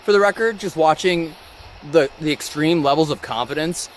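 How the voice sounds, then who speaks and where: A man hosting a live-stream vlog outdoors, talking in an excitable, rambling and emotional way. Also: a little high, moderate pace, a little hiss or hum. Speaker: ghost-hunting channel host. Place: outdoors by a rock wall during a thunderstorm. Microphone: phone or camera on a live stream.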